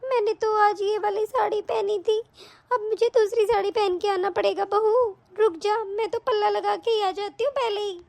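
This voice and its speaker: A woman voicing a vain, scheming middle-aged mother-in-law in an animated story, grumbling and muttering to herself. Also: extremely high pitch, moderate pace, gravelly. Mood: fretful. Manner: grumbling, muttering, self-pleased.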